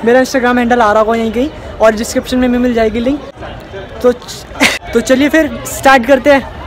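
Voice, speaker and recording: A man's voice: extremely high pitch, steady tone, a little fast. A young man talking straight to his viewers in a casual vlog, filmed on a phone held at arm's length at an outdoor street market. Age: young adult. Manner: chatty, addresses viewers directly. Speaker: vlogger. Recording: loud crowd and music around.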